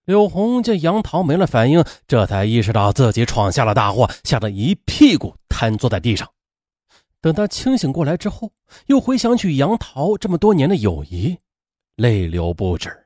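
A man narrating a true-crime story dramatically, in a colloquial manner with drawn-out particles. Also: dry recording, studio quality. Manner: animated, acts out women's lines in a high strained voice.

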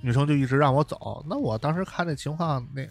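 A man co-hosting a podcast, telling a story in casual chat, animated and chatty with many tag questions. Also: a little high, quick pace, faint music behind. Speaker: podcast co-host.

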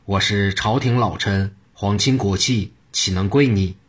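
A man's voice: lowish voice, measured pace, breathy edge. A man doing a haughty old minister. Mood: defiant. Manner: haughty and defiant. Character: arrogant old male prime minister, defiant.

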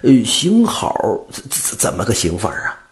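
A man's voice: fairly low pitch, huge pitch swings, unhurried. A man voicing a kind-hearted young butcher who talks earnestly and stammers a little. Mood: curious.

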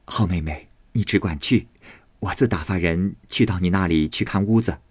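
A man voicing a gentle young widow who speaks softly and pleadingly. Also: sits low, moderate pace, slightly rough, no echo.

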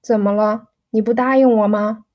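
A woman's voice: fairly high pitch, fairly even intonation, moderate pace, lo-fi sound, close to an everyday voice. A woman voicing an insistent young rich man who keeps pressing a girl for an answer, pleading and pushy.

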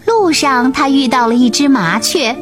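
Woman storyteller, high pitch, expressive children's narration over faint music. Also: normal speed. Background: soft music.

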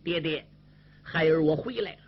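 A man's voice: fairly high pitch, moderate pace, a little hiss or hum, natural voice. A man voicing a flustered young general. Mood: flustered, indignant. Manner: sung-spoken storytelling delivery. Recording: lo-fi with loud drum and string accompaniment.

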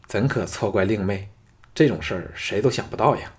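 A man voicing a calm young male hero in an audiobook, speaking low and subdued. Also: fairly quick, close to an everyday voice.

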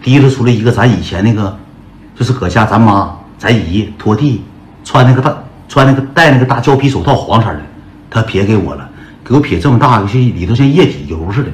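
Fast, animated Northeastern Chinese man. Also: fairly low pitch, slight background noise. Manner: animated and crude, acting out every voice. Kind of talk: comic personal storytelling. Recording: echoey room with loud music.

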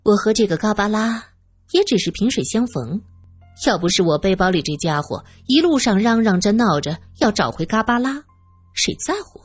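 A woman voicing a guarded young woman who talks in a brisk, dismissive way. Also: mid-range voice, lively intonation, slightly rough, faint music behind. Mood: offhand. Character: cool, guarded young woman, shrugging things off.

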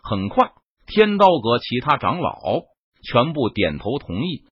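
Male audiobook narrator, dramatic and animated, husky tone, dry muffled recording. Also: medium pitch, measured pace, no echo. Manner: expressive storytelling. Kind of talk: dramatic web novel narration.

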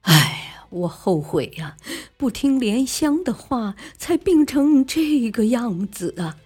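A woman voicing a wavering, lovesick young male scholar in a lowered, coaxing voice. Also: fairly even intonation, a little slow, a little mellow. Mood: regretful.

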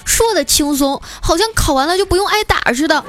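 A woman voicing a sulky, exasperated schoolboy in a comic story, speaking high and indignant. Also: lively intonation, normal speed, music in the background. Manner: sulky, rising to an indignant shout.

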